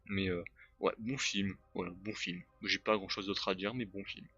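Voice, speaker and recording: Bright-voiced young man rambling about films. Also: deep voice, steady tone, normal speed, slightly rough, highs cut off. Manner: hesitant, full of fillers and restarts. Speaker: YouTuber reviewing films. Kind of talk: casual spoken film reviews.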